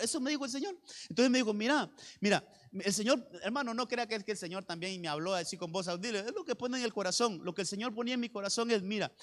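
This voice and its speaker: Man, pastor's sermon, high voice, long church echo, fervent and repetitive. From Honduras. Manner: fervent preaching with rising shouts and call-and-response repetitions. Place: church sanctuary.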